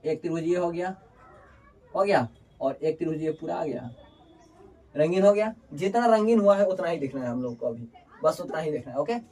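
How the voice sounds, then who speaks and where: A man from Bihar teaches a board-exam lesson, posing questions and answering them himself in a colloquial way while calling his students "babu." His slightly high voice is expressive, dark and husky, moving at a moderate pace with long pauses. The distant mic picks up faint background noise.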